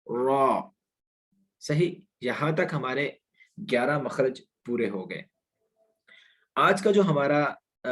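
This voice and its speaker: A man teaching a Quran pronunciation lesson online, patiently explaining and repeating letter sounds slowly for students to copy. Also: mid-range voice, husky. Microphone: online class recording.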